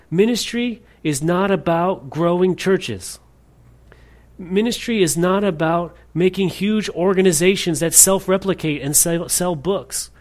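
A man preaching a sermon as a pastor, earnest, moving between emphatic lines and hushed asides. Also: a little high.

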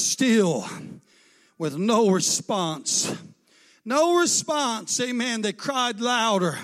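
A man preaching a fervent sermon, retelling a scripture story with dialogue and lifting into chanted, sung cadences at its peaks. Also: sits high. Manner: retells scripture with dialogue, rising to shouted climaxes.

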